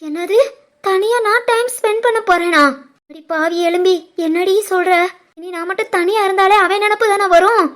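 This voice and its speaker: A woman voicing a quick-tempered older mother-in-law who scolds and shoos the family away in an animated family story. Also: very high voice. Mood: fretful. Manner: sharp scolding, shooing people off.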